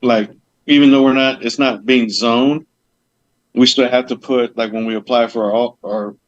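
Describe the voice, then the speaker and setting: Talking at a moderate pace with fairly even intonation, a medium-pitched man who owns a meadery chats through a podcast interview about starting the business. He wanders, uses loose fillers, piles on side details, and acts out conversations, all on dull, dry lo-fi audio.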